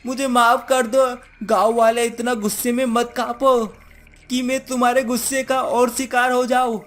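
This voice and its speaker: A man voicing a female witch spirit of the forest, shrill and pleading. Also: flat delivery, moderate pace, fairly bright tone.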